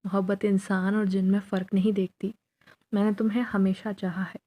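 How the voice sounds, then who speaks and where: A woman's voice: medium pitch, level tone, warm tone, close to an everyday voice. A woman voicing a young male jinn who pleads his love in a spoken horror story. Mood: earnest.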